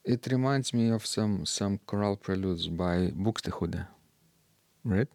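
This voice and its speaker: Slow, low-voiced, gravelly man. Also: darkish tone, no echo. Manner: slow and hesitant, with many fillers. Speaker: podcast co-host discussing organ music. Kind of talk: casual discussion.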